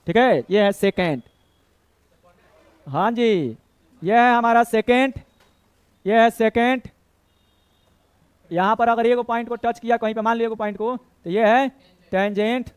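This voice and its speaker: High, clear-voiced maths teacher. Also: male voice, measured pace, pauses often, dry recording. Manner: chatty, scolds and jokes with students, mixes Bhojpuri words. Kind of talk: classroom lesson.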